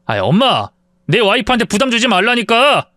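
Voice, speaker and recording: A man voicing a curt, impatient young married son in a spoken story, with a lively, rising and falling delivery. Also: sits high, fairly quick, no echo, voice pushed up, heavily acted. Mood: irritated. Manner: snappish, impatient.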